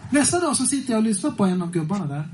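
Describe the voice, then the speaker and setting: A man telling a lively testimony to a congregation as a preacher, swinging between hushed and loud and often chuckling. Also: high-pitched, background noise. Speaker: preacher and singer.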